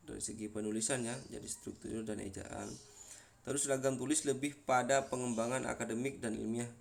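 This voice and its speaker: A male lecturer with a gravelly, creaky edge on a bright, forceful tone. He explains step by step, pausing on fillers and repeating words as he works through each point. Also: on the low side. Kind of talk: university lecture.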